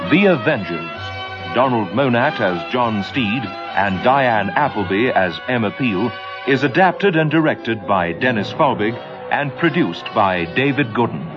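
A man in the classic old radio announcer mould delivers formal, declamatory programme credits. His voice swings widely in pitch. Loud music plays behind him on a dull vintage recording. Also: expressive, a little slow. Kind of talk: old-time radio announcer, scripted show introduction and sponsor credit. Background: loud theme music.

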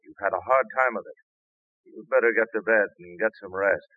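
An actor playing a calm, reassuring doctor in an old radio drama. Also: male voice, on the low side, a little fast, dry recording, natural voice. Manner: steadying, reassuring. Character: calm family doctor and friend. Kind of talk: 1940s radio acting. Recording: tinny old radio recording.

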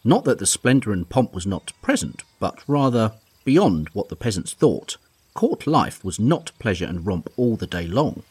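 Period drama: courtly old English major played by a man, low, husky, pompous, formal delivery. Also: very animated, moderate pace, darkish tone. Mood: pompous, lecturing. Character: courtly, pompous English retired army major, older gentleman. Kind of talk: period audio drama acting.

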